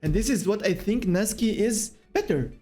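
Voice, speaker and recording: A man hosting a streamed podcast in casual chat, halting and restarting with non-native phrasing. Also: sits high, animated, mellow, faint music behind. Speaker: podcast host.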